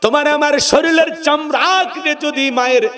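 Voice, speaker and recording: Man, preacher, melodic emotional chant, high-pitched. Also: steady tone, brisk, pushed and bright. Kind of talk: chanted sermon.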